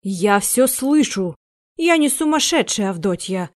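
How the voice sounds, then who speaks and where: A woman's voice: medium pitch, expressive, measured pace, warm tone, dry recording, studio quality, close to an everyday voice. Woman voicing a rapturous, obsessed thin man. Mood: indignant. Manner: rapturous, frantic pleading. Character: obsessed thin man in his thirties, servant.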